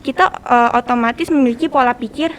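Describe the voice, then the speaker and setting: A teenage girl with a fairly high voice speaks Jakarta-accented Indonesian very quickly, explaining her points conversationally like a student guest on a podcast. There is slight background noise.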